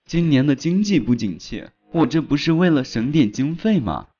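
A man voicing a stingy, stern school principal in an animated story, speaking in a curt, scolding way. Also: a little high, normal speed. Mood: excusing. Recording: dull lo-fi audio.

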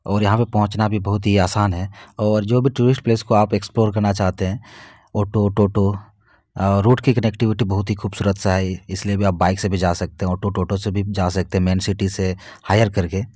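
Guy explaining travel tips, deep-ish voice, dry sound. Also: a little fast, dry recording. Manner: steady, explanatory, repetitive. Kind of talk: informational talk to viewers.

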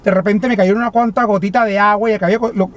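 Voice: mid-range voice, fairly even intonation, rapid-fire, background noise, close to an everyday voice. Performer voicing a vain female TV personality, Panamanian accent, flamboyant, stammering, indignant complaining, inside a car. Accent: Panamanian Spanish. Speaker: comedy character vlogger. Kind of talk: comedic character monologue.

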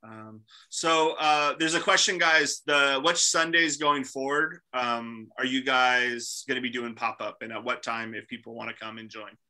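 Man, 30s, host on a video call; very bright tone, lots of ums. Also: medium pitch, poor audio. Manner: halting, many fillers. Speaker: ministry staff host. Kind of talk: casual video call talk. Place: small room indoors.

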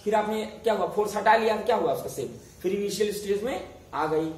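A man's voice: high voice, fast talker. A man teaching a school science lesson in a classroom. He repeatedly asks questions and answers them himself, drilling each key term. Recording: very echoey room, voice far off, faint hiss.

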